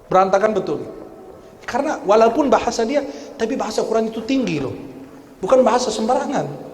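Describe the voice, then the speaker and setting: A high-pitched man lectures in an animated, teasing way and coaches his listeners one sound at a time. His voice echoes around a large mosque hall over a faint murmur of room noise. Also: a little fast. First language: Arabic. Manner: animated, teasing, drills pronunciation with the audience. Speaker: Quran teacher and preacher. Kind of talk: religious lecture with recitation drills.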